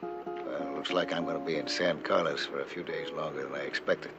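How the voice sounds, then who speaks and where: An actor playing an easygoing adult male diver in a 1960s TV drama, wry and relaxed. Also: extremely low pitch, fairly quick, loud music behind the voice. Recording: dull lo-fi 1960s TV soundtrack.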